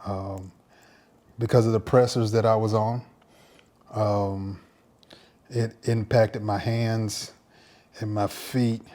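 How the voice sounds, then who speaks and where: A male pastor giving a personal faith testimony in a reflective, halting way, often repeating words as he searches for them. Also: lowish voice, little pitch movement, warm tone.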